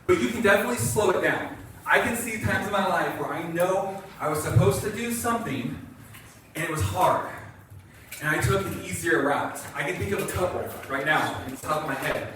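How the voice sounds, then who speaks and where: Male pastor, conversational sermon, slightly high voice, picked up from afar in a booming hall. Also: expressive, fairly quick, a bit bright. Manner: conversational, acts out quotes, asks the congregation. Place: church sanctuary. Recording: echoey church hall from a distance, faint noise.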